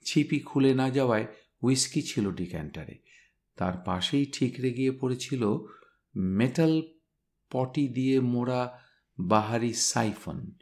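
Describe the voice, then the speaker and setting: A man reading a story aloud, voicing a smart young woman who briskly recounts a crime scene. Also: mid-range voice, expressive, darkish tone. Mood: animated, brisk.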